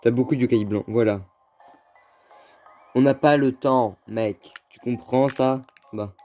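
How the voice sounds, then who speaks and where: A man's voice: medium pitch, steady tone, a little slow, darkish tone. A man giving casual, slangy gameplay commentary as a let's player, often grumbling in exasperation. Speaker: video game let's player. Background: faint game music.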